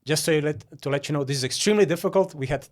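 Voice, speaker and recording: A man's voice: fairly high pitch, racing. Chatty Croatian-born man, interview guest. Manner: chatty, many fillers and restarts. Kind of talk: casual interview talk.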